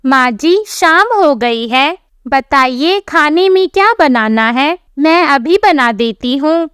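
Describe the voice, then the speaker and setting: A woman's voice: high-pitched, lively intonation, slow, a bit bright, no room sound, studio quality, heavily acted. A woman voicing a naive, literal-minded young daughter-in-law who speaks politely and innocently in a storybook telling.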